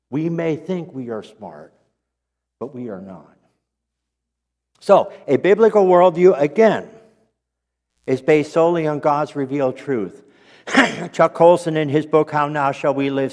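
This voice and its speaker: A man teaching a Sunday school class, reading quotations aloud in an earnest, unhurried way and stopping now and then to clear his throat or correct himself. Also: on the high side, long reverb tail. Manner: corrects himself mid-sentence. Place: church.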